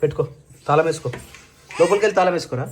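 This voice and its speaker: A man's voice: fairly high pitch, racing, slight background noise. A man, chatting casually through a village cooking vlog and explaining each step to viewers as he works. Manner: chatty, explaining steps to viewers while working. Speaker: vlogger. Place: village home kitchen.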